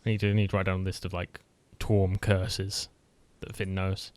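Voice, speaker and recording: A man's voice: low-pitched, flat delivery, normal speed, dry recording. A man playing a tabletop game, chatty and jokey, often correcting himself. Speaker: player. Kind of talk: casual tabletop game chat.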